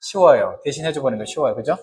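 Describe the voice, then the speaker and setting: A man's voice: mid-range voice, lively intonation, fast talker, darkish tone. A man preaching a sermon who keeps asking the congregation questions and answering them himself, in casual, joking everyday words. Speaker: pastor.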